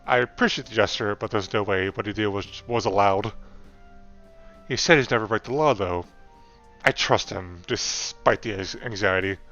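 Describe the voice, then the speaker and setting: A man with a lowish voice reads a visual novel aloud as a game streamer, adding casual remarks. The sound is somewhat dull, with some music behind him. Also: normal speed, pushed and bright.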